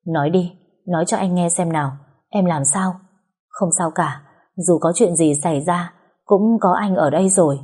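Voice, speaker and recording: A woman voicing a young man who speaks calmly and gently. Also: lowish voice, normal speed, breathy edge. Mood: soothing. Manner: calm, soothing.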